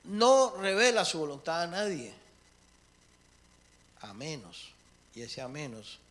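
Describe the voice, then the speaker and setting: A man preaching a sermon with emphatic swings between loud and soft, acting out prayers and little dialogues. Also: high voice.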